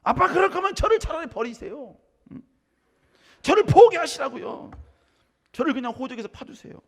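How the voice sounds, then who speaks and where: An indignant son talks back to his father, pitched high and loud above the speaker's usual voice, as a preacher acts him out. The outburst comes out pleading and defiant. A long reverb from a large hall trails every word. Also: sing-song, normal speed, exaggerated voice.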